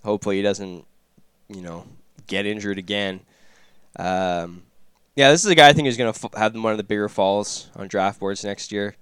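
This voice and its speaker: A man with a low, smooth voice talks fantasy hockey in a loose, rambling way, full of fillers and quick asides. The sound is dry and close. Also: fairly bright tone, no room sound. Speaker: fantasy hockey podcast co-host. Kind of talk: casual chat.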